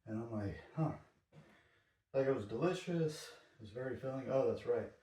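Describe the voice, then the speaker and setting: A man's voice: mid-range voice, lively intonation, brisk, mellow. A man talking casually and conversationally in a rambling workout vlog. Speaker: workout vlogger. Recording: roomy echo, distant mic.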